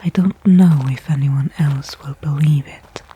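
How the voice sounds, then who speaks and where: In a whispered ASMR sci-fi roleplay, a woman plays a stranded space worker who is weary but hopeful, narrating in a hushed, reflective way with pauses. Her voice sits low, and the low-quality recording carries a little hiss or hum.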